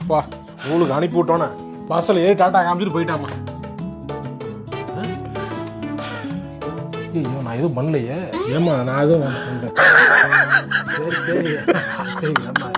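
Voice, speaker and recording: A young man acting in a comedy sketch, talking in an exasperated, rambling way with sudden loud outbursts. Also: a little high, unhurried, pauses often. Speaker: comic sketch actor playing a father. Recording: background music under the voice. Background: background music.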